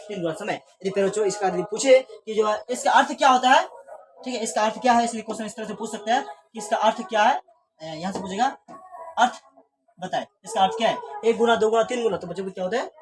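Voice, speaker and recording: A woman's voice: medium pitch, background noise. A woman teaching a grammar lesson to students, asking questions aloud and answering them herself.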